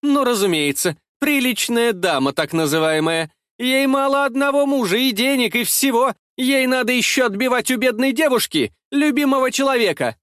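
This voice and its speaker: Audiobook role: a male reader playing a coarse, jealous extortionist woman, piercingly shrill and sneering. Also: lively intonation, moderate pace, hardly any pauses, no room sound, studio quality. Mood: furious. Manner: shrill, mocking, shouting.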